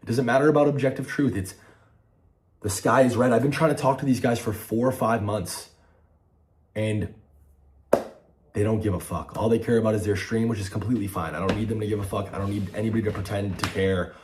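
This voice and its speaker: A man's voice: lowish voice, fairly even intonation, fairly quick, noisy background. A man giving an impassioned, blunt personal monologue to viewers, emotional and aggrieved, with heavy casual swearing. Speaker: online content figure giving a personal statement.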